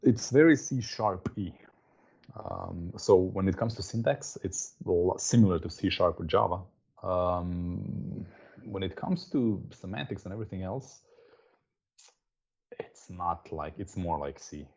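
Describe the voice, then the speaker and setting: A man's voice: sits low, a little slow, gravelly, a little mellow, slightly rough, muffled recording. A middle-aged man from Slovenia with a Slovenian accent, chatting casually as an interview guest. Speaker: interview guest, software developer.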